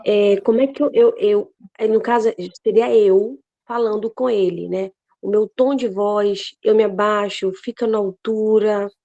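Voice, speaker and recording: A woman student asking questions haltingly, with many restarts. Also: mid-range voice, steady tone, mellow. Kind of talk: hesitant questioning. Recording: dull lo-fi audio.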